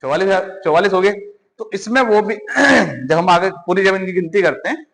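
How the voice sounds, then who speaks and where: A man's voice: high voice, normal speed, creaky, fairly bright tone. A man teaching a class, quizzing students and repeating the answers. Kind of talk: classroom lecture. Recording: hall reverb.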